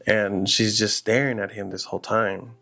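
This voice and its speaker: A man's voice: lowish voice, flat delivery, moderate pace, creaky, sharp tone. A man casually telling a horror story aloud, in a loose, rambling conversational way full of "you know" and "like".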